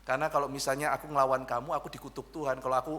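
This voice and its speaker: A man's voice: medium pitch, little pitch movement, very fast, fairly bright tone, lightly acted. A man playing a wary, placating king. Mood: appeasing. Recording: long hall reverb.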